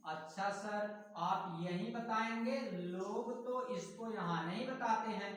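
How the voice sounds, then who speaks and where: An eager young male student, polite and deferential, answering in a slightly lower and softer voice, as a man puts him on. He speaks slowly and sounds high for a man. The voice rings out in a very echoey room from a mic some distance away. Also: slight background noise. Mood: agreeable. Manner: polite, deferential, often impressed.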